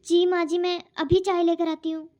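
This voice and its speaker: A woman's voice: extremely high pitch, flat delivery, moderate pace, a little mellow. A woman voicing a meek, patient young daughter-in-law in a cartoon, speaking politely and pleadingly. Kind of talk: cartoon voice acting. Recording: dull lo-fi audio.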